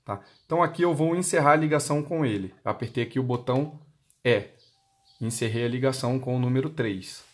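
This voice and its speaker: Asking himself questions and then answering them, a man with a Brazilian accent demonstrates a motorcycle intercom step by step on behalf of the seller. He speaks at a fairly quick pace in a medium-pitched voice.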